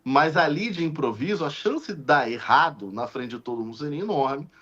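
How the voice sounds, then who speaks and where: A deacon appearing as a podcast guest, whose first language is Portuguese, tells a story in casual conversation, animatedly acting out the dialogue and often restarting. His voice is a little high at a moderate pace, and the lo-fi audio is slightly muffled.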